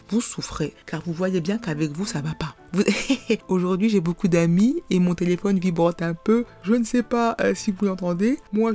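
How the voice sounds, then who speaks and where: A podcast host, talking in a lively, rhetorical way and laughing often. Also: mid-range voice. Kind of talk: casual commentary monologue.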